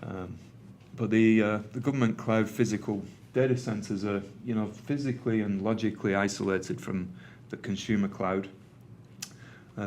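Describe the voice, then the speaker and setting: A middle-aged Englishman with a Manchester accent speaks to an audience in a meeting room, giving a conversational technical conference presentation with lots of ums and uhs. His voice is lowish and darkish, with a little hiss or hum in the recording.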